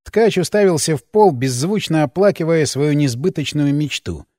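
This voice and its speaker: A man narrating a first-person adventure audiobook with ironic, lively storytelling. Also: fairly high pitch, normal speed, no room sound, clean studio sound. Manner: lively, ironic storytelling, hero's lines shouted up.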